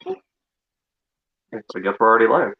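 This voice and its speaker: A man's voice: on the low side, animated, moderate pace. A man co-hosting a casual podcast chat, his voice muffled and dull as if talking through a tube sock, stammering a little. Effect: muffled, dull audio, as if through a tube sock. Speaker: podcast co-host. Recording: muffled lo-fi mic with faint noise.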